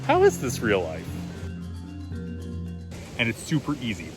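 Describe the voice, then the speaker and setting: In a casual vlog, a deep-voiced man who coaches meditation offers relaxed, encouraging advice. He's outdoors by a loud, rushing waterfall that fills the recording, and music plays in the background.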